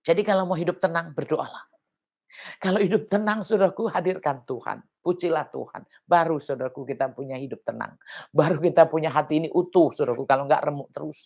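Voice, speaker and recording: Woman pastor, Indonesian accent, gravelly lowish voice, earnest sermon delivery. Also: brisk, darkish tone. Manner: earnest, repetitive appeals to the congregation.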